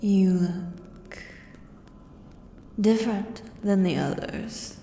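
In an ASMR role-play, a woman acts out a menacing female beast with an axe, taunting its human prey like a predatory beast-man. The delivery is very slow and the tone dark and low-lit. Long echoing reverb surrounds the voice. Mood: amused, probing. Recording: echoey cavern-like reverb, audible background noise.

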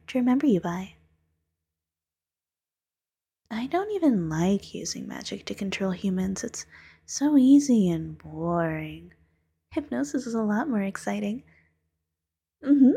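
A woman voicing a playful, teasing female demon who hypnotizes, in a soft-spoken, coaxing, whispery ASMR roleplay manner. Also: mid-range voice, expressive, normal speed. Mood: gloating. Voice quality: whispery, breathy.

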